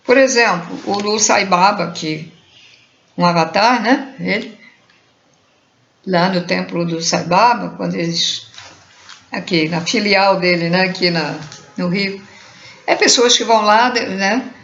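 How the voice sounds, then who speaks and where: A Brazilian woman giving an informal spiritual talk, chanting mantras slowly as examples and groping for words she has forgotten. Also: medium pitch, creaky, a bit bright, a little hiss or hum. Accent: Brazilian Portuguese. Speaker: spiritual teacher. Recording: roomy, muffled home recording.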